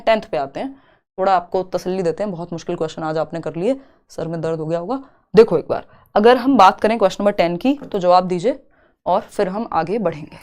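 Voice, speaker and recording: A woman teaching an exam-prep lesson in a chatty, reassuring way, mixing into her talk. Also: fairly high pitch. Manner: chatty, reassuring, mixes Hindi with English terms. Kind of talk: online exam coaching lesson.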